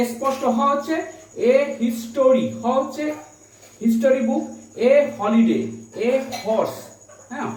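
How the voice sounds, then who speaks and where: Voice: mid-range voice, a little mellow. A teacher giving a patient grammar lesson, repeating examples and checking that students follow. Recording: echoey room, distant mic.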